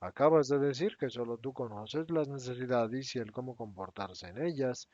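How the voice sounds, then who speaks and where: A man voicing Jesus, a serene but stern adult teacher who speaks in a calm, grave, low voice. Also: moderate pace, no room sound, natural voice. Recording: dry, slightly dull recording.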